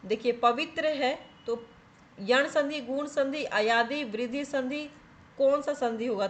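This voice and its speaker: A woman teaching a grammar lesson for exam preparation, explaining step by step and checking in with viewers as she goes. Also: on the high side. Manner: explains step by step, often asks and answers her own questions; repeats "theek hai" to check in with viewers.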